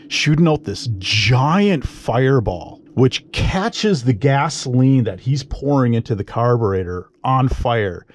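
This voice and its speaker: A man's voice: mid-range voice, a little hiss or hum. A man hosting his own channel, telling a personal story casually and bluntly, swearing freely in loose run-on sentences. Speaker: channel host.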